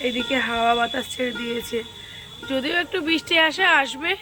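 A middle-aged woman with a hoarse voice, chatting to viewers in a casual home vlog. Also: high voice, fairly quick, music in the background. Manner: chatty, addresses viewers directly. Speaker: vlogger. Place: family home, in and out of doors.

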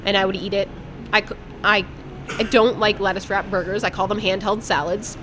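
A woman's voice: mid-range voice, steady tone, a little fast, background noise. A woman guest on a podcast, telling a personal story in a candid, blunt way and swearing casually. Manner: candid, blunt, speaks her mind.

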